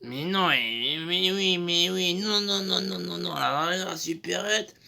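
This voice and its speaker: A man's voice: high voice, takes it slowly, vocal fry, sharp tone. A young man telling a crude, rambling comic story full of fillers. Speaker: comedian.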